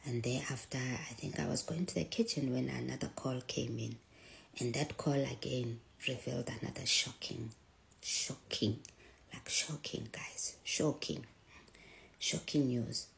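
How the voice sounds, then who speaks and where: A middle-aged woman telling a personal story in a soft, hushed voice that often drops to a near whisper. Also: very deep voice, measured pace, gravelly, rough recording.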